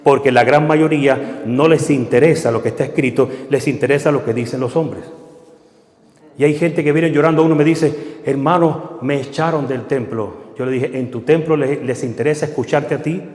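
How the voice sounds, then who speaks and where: A man's voice: a little high, normal speed. A man preaching a sermon, emphatic, asking questions of the congregation and answering them himself. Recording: echoey hall.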